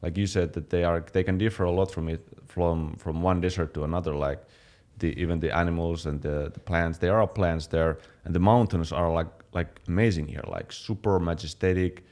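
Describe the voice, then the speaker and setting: Young man from Finland, very deep voice, relaxed casual chat, lots of fillers. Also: normal speed, few pauses. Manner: relaxed, many fillers and restarts. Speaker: fitness channel co-host.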